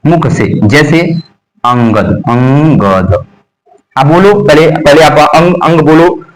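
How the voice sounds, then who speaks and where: A man's voice: on the high side, steady tone, measured pace, rough recording. A man teaching Hindi grammar, repeating terms and asking and answering his own questions as he drills pronunciation. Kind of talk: classroom lesson.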